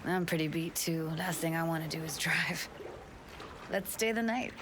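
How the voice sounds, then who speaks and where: Game role: actress as guarded, tender young woman, weary, lower-pitched, with noticeable ambience behind. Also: moderate pace, noisy background, natural voice. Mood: soft, caring. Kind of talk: video game drama acting.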